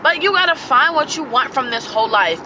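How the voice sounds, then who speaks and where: A woman with a fairly high voice hosts a loose, slangy motivational podcast, laughing between her thoughts. The sound is muffled and a little dull. Traffic noise from a street runs clearly behind her. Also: expressive, brisk. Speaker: podcast host. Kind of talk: casual motivational monologue.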